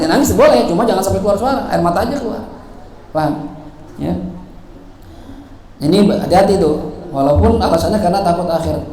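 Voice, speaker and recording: Male religious teacher, high voice, playful sermon style, recorded in an echoey prayer hall with faint room noise. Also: dark tone. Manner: playful, acts out examples, laughs often.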